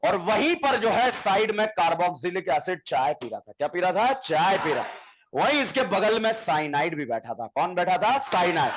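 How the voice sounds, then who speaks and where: A man teaching chemistry in a lively exam-prep class, calling out questions and often shouting. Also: high voice. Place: classroom with students. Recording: noisy classroom with crowd voices.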